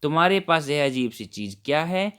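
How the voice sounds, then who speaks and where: A man's voice: fairly high pitch, lively intonation, moderate pace, fairly bright tone, clear, resonant tone. A man teaching a primary school worksheet lesson to children, friendly and explaining step by step.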